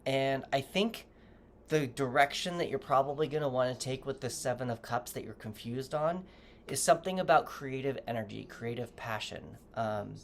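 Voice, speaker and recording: Tarot reader, casual reading to camera, rambling and self-correcting, gentle advice, middling pitch, faint background noise. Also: normal speed. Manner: gently advising, speaking straight to the viewer.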